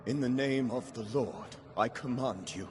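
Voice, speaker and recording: A man's voice: mid-range voice, a little slow, darkish tone, natural voice. An actor in a video game playing a stern, fervent clergyman exorcist who declaims his commands. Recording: long hall reverb, faint noise.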